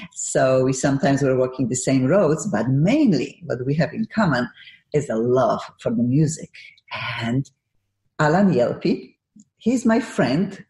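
A Polish woman with a Polish accent hosts a radio interview in a studio, speaking effusively in somewhat broken English. Her voice is very deep and dark, and the room sounds echoey.

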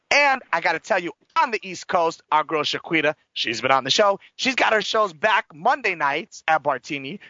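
A male talk host speaks in a high, very animated voice. He is chatty and emphatic, dishing gossip in folksy slang with a bright edge. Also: dry recording, muffled recording. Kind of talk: casual radio entertainment chat.

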